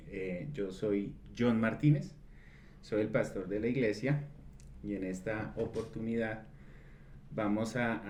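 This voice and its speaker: A man's voice: on the low side, a little mellow. A man hosting a church podcast as pastor, talking hesitantly and repeating words as he searches for them. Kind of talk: podcast conversation. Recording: echoey room with faint noise.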